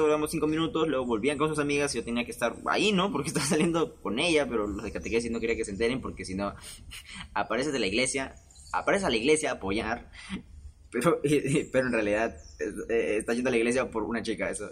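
A young man with a medium-pitched voice hosts a podcast, telling a personal story at a quick pace in a casual, self-mocking monologue. He laughs often between phrases, and a faint hiss or hum sits under the recording.

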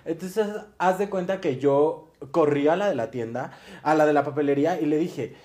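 Casting note: young Mexican man with a Mexican accent, slightly high voice, lively slangy storyteller who laughs a lot. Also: normal speed. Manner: animated, laughs often, acts out quotes, heavy slang. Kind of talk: casual storytelling chat.

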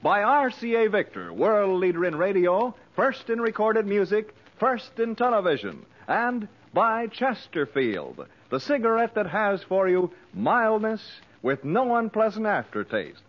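A man's voice: sits high, big pitch swings, measured pace, few pauses. Male announcer on an old radio broadcast. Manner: formal, punchy announcer delivery. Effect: old radio broadcast sound. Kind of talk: scripted sponsor and cast announcement. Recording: dull lo-fi 1940s radio transcription.

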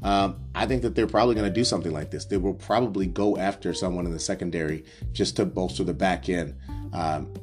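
A man's voice: low voice, a little fast, a little mellow, faint music behind. A man hosting his own show, talking through picks in a loose, rambling way with many restarts and fillers. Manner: rambling, self-correcting, frequent ums. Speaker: podcast host doing a mock draft. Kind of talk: casual solo analysis, off the cuff.

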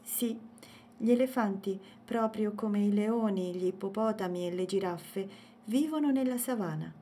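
A woman voicing a calm, knowing male pet who patiently explains things to a girl in a storybook. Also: medium pitch, moderate pace, slight background noise, voice pushed up, natural voice. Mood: explaining.

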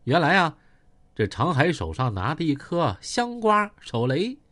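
Animated male storyteller. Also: on the high side, a little slow. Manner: chatty, vivid, asides to listeners. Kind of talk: colloquial storytelling narration.

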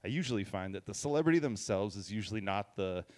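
A man with a slightly low voice rambles through a story on a casual podcast. He keeps filling his sentences with "you know" and "like" as he goes. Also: lively intonation, fast, darkish tone. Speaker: podcast co-host.

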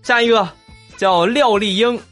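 A man's voice: sits high, a little slow, fairly bright tone, soft background music. A man hosting a comedic podcast, reading listener comments with teasing jokes and frequent laughter. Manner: jokey, laughs often, teasing asides. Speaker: podcast host.

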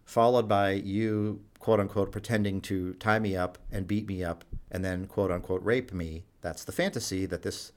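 A man's voice: deep voice, steady tone, normal speed, hardly any pauses. A man who works as a doctor at a jail HIV clinic tells anecdotes in a conversational interview, acting out the quoted dialogue with animation.

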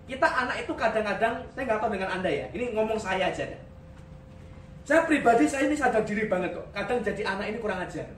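A male pastor delivers a sermon with a swinging, animated pitch, joking and dropping English phrases into his speech. His voice sounds from some way off the mic, filling an echoey church hall with a faint hum behind it. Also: recorded from a distance.

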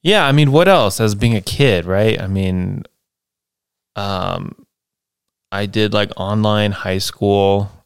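A late-twenties man hosts a casual solo podcast, speaking slowly into a close mic with a lowish, smooth, resonant voice. His talk is rambling and reflective, heavy on fillers and "right?" tag questions, and the audio is dry, intimate, and echo-free.

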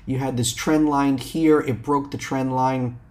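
Male stock video host, mid-pitched, casual commentary, brash slangy trader manner, halting and filler-heavy. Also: fairly even intonation, darkish tone. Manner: brash slangy trader talk, addressing viewers as guys.

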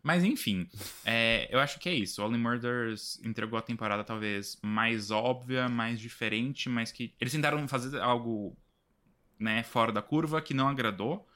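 A man's voice: medium pitch, normal speed, pushed and bright. A man with a Brazilian Portuguese accent co-hosting a podcast in casual chat, chatty and laughing often. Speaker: podcast co-host.

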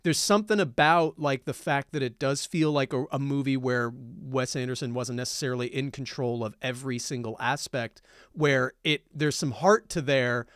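A man's voice: medium pitch, normal speed, a bit bright, clean tone, dry recording, clean studio sound. A man co-hosting a podcast, talking in a rambling, hedging way with many fillers. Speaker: podcast co-host. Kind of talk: casual podcast chat.

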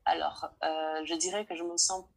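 A nineteen-year-old woman from French Guiana, answering interview questions in a hesitant way, often pausing to search for words. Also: sits low, little pitch movement, gravelly, a little hiss or hum, poor audio.

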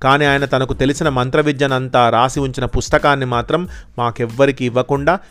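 A man voicing a sly, confident male sorcerer in a children's storybook tale, speaking calmly and persuasively in a smooth voice. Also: medium pitch, a little fast, natural voice.

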